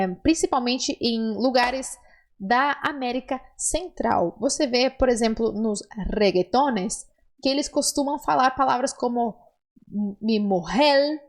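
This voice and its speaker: Southern Brazilian woman teaching pronunciation. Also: fairly high pitch. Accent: southern Brazilian Portuguese. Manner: patient, explains slowly, models words for repetition. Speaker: Spanish teacher. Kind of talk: online language lesson.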